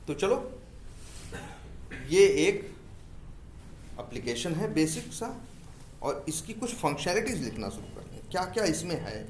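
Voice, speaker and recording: A software testing instructor lectures to a class in a slightly high, slightly mellow voice, very animated yet measured, with long pauses. He speaks Hindi mixed with English technical terms, asks his students questions and answers them himself, and repeats key terms. The room is echoey, and a little hiss or hum is audible.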